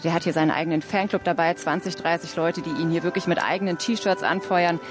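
A woman reports live from a stadium for radio, describing the scene in a lively, spontaneous way. Faint music can be heard behind her. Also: lowish voice, fast.

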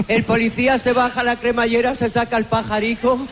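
A woman's voice: on the high side, flat delivery, brisk, slight background noise. A woman telling folksy regional jokes on television, playfully mimicking characters. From Zaragoza, Spain. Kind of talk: stand-up joke telling.

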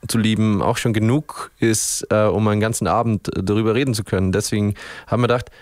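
Austrian frontman, low voice, dry studio sound, talks in restarts. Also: fairly even intonation, quick pace, no room sound. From Upper Austria. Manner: thoughtful, searching for words, many restarts. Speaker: band frontman, guest. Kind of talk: radio interview.

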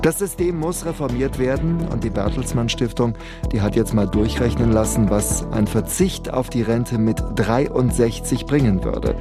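A man hosts a morning radio news program. His voice sits at a middle pitch, and his delivery is brisk and friendly. Music plays clearly under him. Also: expressive. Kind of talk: news presenting.

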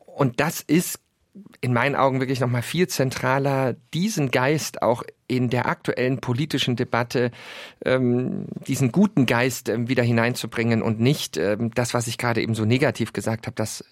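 Earnest male discussant, halting fillers, dry close mic. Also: medium pitch, steady tone, no room sound. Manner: earnest, many filler pauses, acts out quotes. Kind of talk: conversational discussion.

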